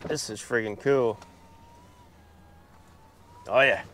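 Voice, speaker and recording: An Australian travel vlogger chats casually on a beach in a laid-back, mid-range voice, speaking slowly with plenty of fillers and restarts. He's recorded outdoors on a small camera-mounted mic, with noise in the background.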